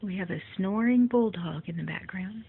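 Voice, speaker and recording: A woman's voice: medium pitch, normal speed, slightly rough. A woman at home talking to her pet bird in a coaxing, teasing, sing-song way. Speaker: pet owner. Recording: tinny phone-like audio.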